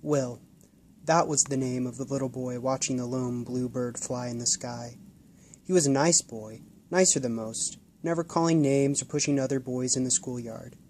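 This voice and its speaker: Mellow-voiced male storyteller. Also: mid-range voice, moderate pace, slight background noise. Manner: gentle, even storytelling. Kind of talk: scripted narration.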